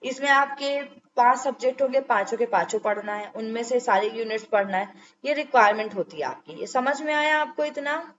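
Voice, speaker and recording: A woman's voice: fairly high pitch, a little fast, hardly any pauses, fairly bright tone, muffled recording. A young woman teaching an exam-prep lecture, explaining step by step and asking checking questions.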